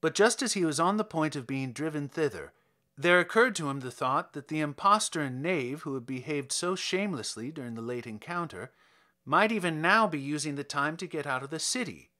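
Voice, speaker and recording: A male audiobook narrator reads a classic tale in an expressive, theatrical way. His voice is bright and sits a little high for a man. His pitch swings widely, giving the reading lots of life. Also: brisk. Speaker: audiobook reader. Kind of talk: scripted narration of a classic story.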